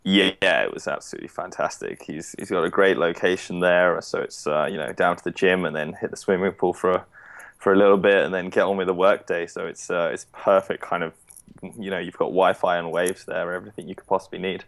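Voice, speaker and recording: A man's voice: sits low, steady tone, fairly quick, vocal fry, a bit bright. A man answering as a podcast guest in an easygoing, friendly way. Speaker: interview guest. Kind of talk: casual interview answers.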